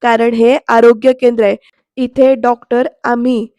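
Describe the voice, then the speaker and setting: Calm young woman doctor, measured and firm, high narrow voice, dry sound, read by a female narrator. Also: no room sound, natural voice.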